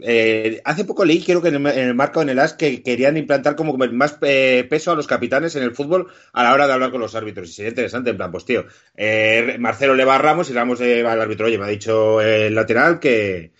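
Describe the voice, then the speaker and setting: Male Spanish podcast host, rapid slangy chatter, muffled lo-fi audio. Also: mid-range voice, fairly bright tone. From Spain. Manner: colloquial and slangy. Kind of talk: casual podcast chat.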